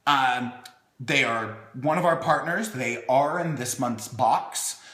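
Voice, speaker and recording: In an echoey room, a man with a medium-pitched, slow, bright and forceful voice hosts a playful storytime. He reads a children's book theatrically, adding wry, chatty asides as though speaking to small children.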